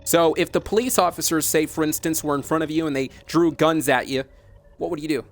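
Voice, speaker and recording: This male broadcaster, interviewing by phone with music playing behind him, has a slightly high voice and a steady tone at a somewhat quick pace. His long, challenging questions come across as earnest and insistent, courteous on the surface but reproachful underneath.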